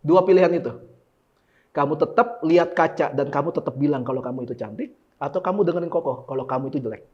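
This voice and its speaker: Animated high-voiced male preacher. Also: fast talker, dull audio. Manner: animated and casual, with rhetorical questions and slangy asides. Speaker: pastor. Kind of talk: sermon. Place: church service.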